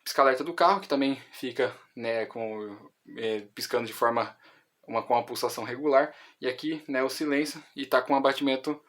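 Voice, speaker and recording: A man's voice: mid-range voice, brisk, fairly bright tone. A man with a Brazilian Portuguese accent, explaining music theory in an online lesson, with many fillers and restarts.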